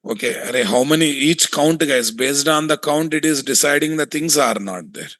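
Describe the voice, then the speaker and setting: A man with a Telugu Indian accent giving a hands-on software tutorial, thinking aloud, repeating himself and often putting questions to his students. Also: on the high side, moderate pace, no room sound, clean studio sound. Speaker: software testing instructor.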